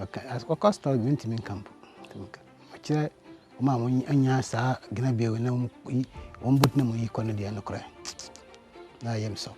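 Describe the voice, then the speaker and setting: A man from Ghana talks in an interview in his local language. His voice is mellow and warm, and he chuckles between phrases. A faint music bed runs behind. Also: mid-range voice.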